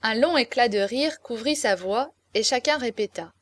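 Woman narrating a classic novel, fairly high voice. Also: lively intonation, moderate pace, no echo. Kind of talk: audiobook reading of a classic novel.

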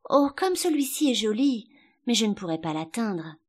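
A polite, curious little girl from a storybook, asking eager questions in a high, bright voice, as a woman reader puts her on. She sounds earnest and a touch plaintive. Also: big pitch swings, moderate pace.

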